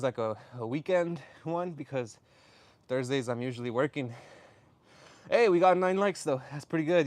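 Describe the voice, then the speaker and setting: On a workout livestream, a man with a slightly high voice chats casually, slangy and upbeat, giving shout-outs to viewers. There's no room sound, but the stream is clearly noisy with clicks.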